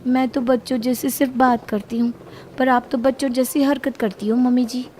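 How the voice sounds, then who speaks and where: A woman's voice: sits high, level tone, moderate pace, a little hiss or hum, natural voice. A woman as a fretful young daughter-in-law. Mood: pleading. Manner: pleading, gently scolding.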